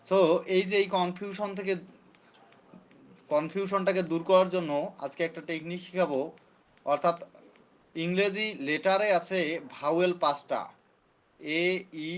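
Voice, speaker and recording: Man teaching a class, slightly high voice. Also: slow, long pauses, fairly bright tone, dull audio. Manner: repeats points and quizzes students. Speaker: English teacher. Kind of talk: classroom lecture.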